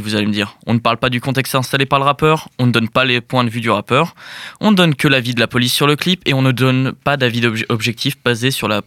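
A man delivers a read-out opinion piece in an indignant, emphatic tone. His voice is bright and forceful, recorded dry and close with little room sound. He sounds like a radio columnist making a case. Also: mid-range voice, dry recording.

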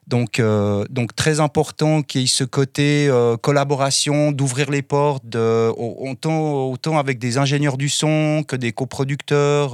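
A man's voice: mid-range voice, no room sound, studio quality. A man from Switzerland, a musician guest, talking casually in an interview and rambling through lists with many fillers.

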